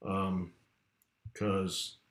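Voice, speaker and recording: A man's voice: deep voice, flat delivery, extremely slow, fairly bright tone. Man in an echoey room, chatty host. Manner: chatty, rambling. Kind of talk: casual livestream chat. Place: room at home, not soundproofed.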